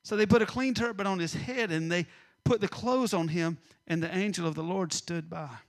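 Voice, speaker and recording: A middle-aged man preaching a sermon, swinging between loud emphasis and hushed asides. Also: sits high, moderate pace. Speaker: pastor.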